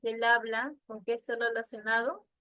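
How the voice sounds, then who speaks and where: A woman teacher leading an online class, patiently asking questions and repeating answers slowly over a video call. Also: fairly high pitch, fairly even intonation, pushed and bright, dry recording, poor audio.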